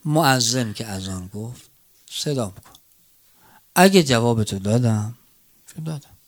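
Preacher, swinging loud to hushed. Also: male voice, mid-range voice, lively intonation. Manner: swings between loud cries and hushed near-whispers, tearful chant. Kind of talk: mourning sermon.

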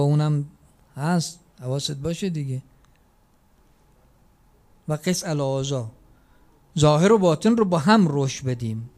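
A man preaching a sermon, shifting between loud emphatic declarations and quiet asides. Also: a little high.

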